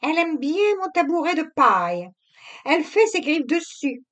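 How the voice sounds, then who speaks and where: A woman's voice: sits high, big pitch swings, a bit bright, voice pushed up. A woman reading an audiobook, voicing a stout, timid housekeeper with a fluty voice who speaks hurriedly and nervously. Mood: placating. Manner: hurried, nervous, near tears.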